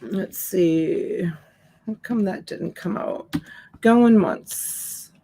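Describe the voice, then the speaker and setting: Speaking into a desk USB mic from a shelf-lined room at home, a forties-aged woman with a slight Boston accent runs a relaxed live-stream auction as seller and host, welcoming viewers by name with endearments. Her mid-range, warm voice is gravelly and expressive, stretching out words, and the recording carries a little hiss or hum.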